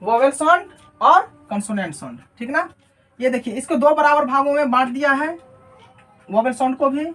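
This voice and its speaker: An English teacher explains phonetics in a classroom lesson, writing on a board and erasing it, with faint music in the background. Her high-pitched voice is animated and a bit bright at a moderate pace. She repeats key words, answers her own questions, and often adds a checking "right?"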